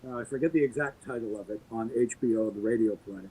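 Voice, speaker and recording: This podcast interview features a middle-aged male guest talking fast and at length, his husky, mellow voice carrying emphatic, swooping opinions. The audio is poor.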